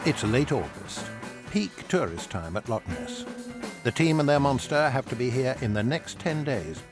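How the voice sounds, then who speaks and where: A man's voice: medium pitch, expressive, moderate pace, over music. A man reading dramatic scripted documentary narration.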